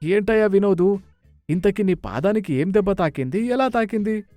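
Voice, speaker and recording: A man's voice: sits high, animated, moderate pace, dark tone, dry recording, faint music behind, voice pushed up. A man voicing an anxious, suspicious middle-aged father, questioning in a raised voice. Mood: worried. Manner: questioning, worried.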